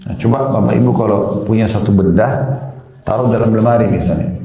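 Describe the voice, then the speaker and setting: Middle-aged male preacher, low warm voice, explanatory sermon, roomy echo. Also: brisk. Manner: explanatory, acts out questions from parents and children. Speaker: Islamic preacher. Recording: echoey room.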